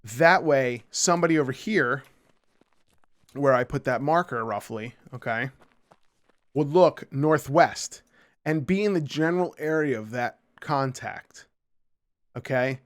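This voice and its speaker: A man's voice: mid-range voice, unhurried, pauses often. A man hosting a casual gameplay tutorial, explaining radio calls and teamwork in a loose, chatty way, often checking in with "okay?" and acting out sample calls. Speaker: gaming tutorial host. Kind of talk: casual instructional commentary over gameplay.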